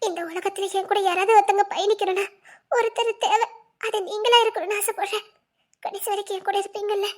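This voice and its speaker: A very high, light voice belongs to a gentle young wife in an audio drama, as a woman acts her out. She speaks with a Tirunelveli Tamil accent and soothes and teases softly. Her tone is forgiving and warm-hearted. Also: fairly even intonation, fairly quick. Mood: tender. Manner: soothing, teasing, comforting.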